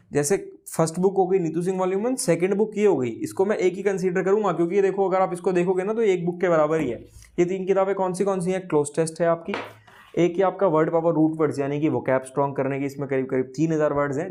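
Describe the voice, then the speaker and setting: Fast-talking young man tutor. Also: on the high side, darkish tone. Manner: rapid, earnest, repeats his promises. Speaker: exam prep tutor. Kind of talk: exam preparation advice video.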